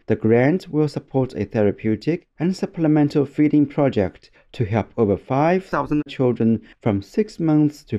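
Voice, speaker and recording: A man reading scripted news in an even, formal way, sounding like a broadcast taped off the radio. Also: medium pitch, highs cut off. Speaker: news anchor.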